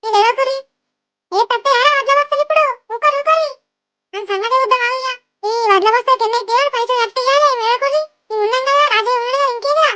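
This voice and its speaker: Woman playing a wailing village farm mother with a very high voice. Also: quick pace, bright, forceful tone. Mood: consoling. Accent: Telangana Telugu. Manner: wailing, lamenting. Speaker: farmer's wife. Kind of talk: village comedy-drama acting.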